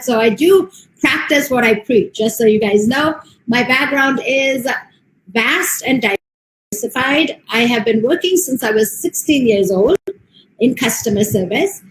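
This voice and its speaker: A woman from the United States, working as a motivational speaker, presents online with steady earnestness and many um fillers. Her fairly high voice moves a little slowly, and the low-quality recording has an echoey room sound.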